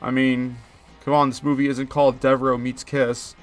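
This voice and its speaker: A man in his thirties from the Philadelphia area hosts movie commentary, recapping a film in a chatty, jokey style packed with puns. His mid-range voice moves little in pitch and runs at a moderate pace, with faint music in the background.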